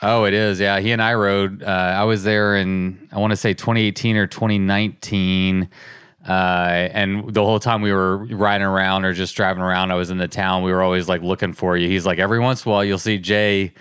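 Male podcast host, low, smooth, dry close sound, upbeat banter. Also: little pitch movement, brisk, fairly bright tone, no room sound. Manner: upbeat, chatty, self-mocking. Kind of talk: casual interview podcast.

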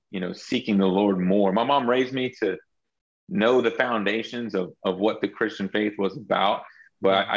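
A man with a fairly low voice, captured with lo-fi sound, shares his faith story as a guest entrepreneur in an interview. He is earnest and reflective and often restarts his sentences.

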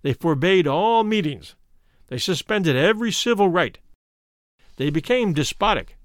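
A man reading a first-person memoir aloud in measured, steady storytelling narration. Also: high-pitched, no room sound, clean studio sound. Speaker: reader.

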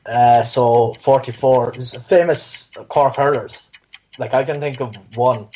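A man with a medium-pitched voice works through quiz answers out loud in a casual way. A little noise sits behind him. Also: steady tone, unhurried. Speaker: quiz contestant. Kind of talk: casual, thinking aloud.

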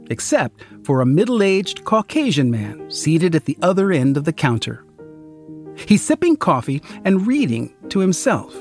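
A male narrator reading a scripted story slowly and descriptively. His pitch moves in a lively way, sitting a little high for a man, over faint background music. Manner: unhurried, descriptive, expressive.

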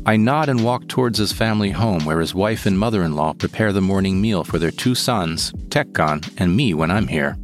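Deep-voiced man narrating calmly. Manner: calm, measured storytelling in present tense. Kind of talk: scripted first-person narration. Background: guitar music.

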